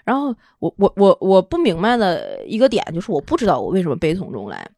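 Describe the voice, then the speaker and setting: An animated woman, telling a personal story on a podcast. Her pitch swings widely as she acts out the people in her tale. The recording is dry and close, with no room sound. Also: fast, dry recording. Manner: animated, laughing storyteller with lively quoted dialogue. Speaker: podcast co-host. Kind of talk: casual storytelling chat.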